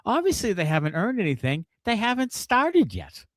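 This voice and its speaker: Man, podcast host, casual sports chat, profane ranting, very lively pitch, dry close sound. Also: moderate pace, no room sound.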